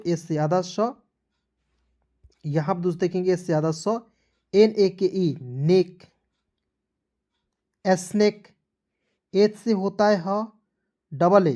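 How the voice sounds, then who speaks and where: A man's voice: high voice, mellow. A male teacher giving a spelling lesson, spelling words out letter by letter and often checking that the class has understood. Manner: spells words out letter by letter and keeps asking if it is clear. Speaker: English teacher.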